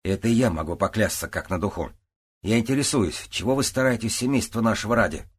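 A man's voice: fairly low pitch, a little fast, husky, pitched above the performer's own voice. A male narrator reading an audiobook, voicing a wry, sly ex-convict husband who talks in an ironic, mocking way.

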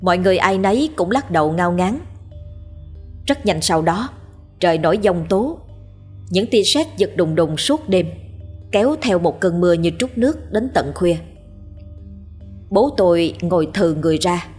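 Woman, ghost-story narration, measured, husky voice, low pitch. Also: animated, a little mellow. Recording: faint background music.

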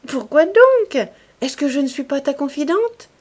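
A woman's voice: medium pitch, lively intonation, slow, darkish tone. A woman reading the part of a teasing, restless young society woman in an audiobook, in a lilting voice. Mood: playful.

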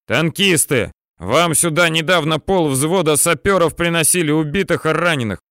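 A young fighter bangs on a tank and yells, half begging, half threatening, as a man reading a war novel voices him. The voice climbs high and forceful. Dry, close sound with no room. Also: normal speed, vocal fry, no echo. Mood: desperate shouting. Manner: shouting, pleading and threatening. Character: desperate young male soldier yelling into a tank.

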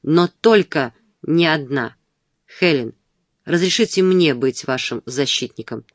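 An ardent young gentleman pours out a passionate, insistent plea in a storybook reading, as a man puts him on. The voice sits fairly high for a man and sounds close and dry. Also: expressive, a little slow, dry recording. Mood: pleading. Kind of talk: audiobook dialogue.

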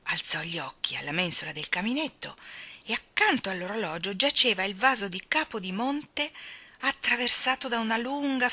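Woman, storybook narration, bright voice, mid pitch, expressive, dips into whispers. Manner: expressive, dropping to a whisper at moments. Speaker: audiobook reader.

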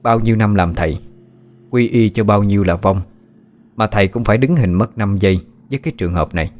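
Low-voiced man narrating a ghost story. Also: fairly quick, a little mellow.

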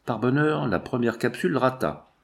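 A man narrating an adventure novel in a steady, measured audiobook reading. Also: medium pitch, creaky.

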